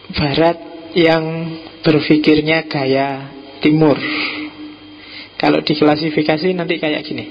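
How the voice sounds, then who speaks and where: A middle-aged man with a Javanese accent giving an informal philosophy lecture in a relaxed, joking way, dropping in local words. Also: on the high side, creaky. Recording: dull lo-fi recording with faint noise.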